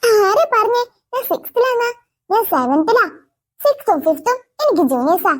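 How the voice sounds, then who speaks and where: A woman's voice: very high-pitched, sing-song. Woman playing a haughty show-off schoolgirl. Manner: slow, drawn-out, self-important. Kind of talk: cartoon voice acting.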